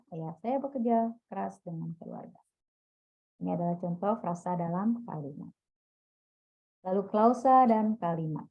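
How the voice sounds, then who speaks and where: Woman, teacher, classroom lecture, quizzes listeners, middle pitch, dull lo-fi sound. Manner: explains step by step, quizzing listeners.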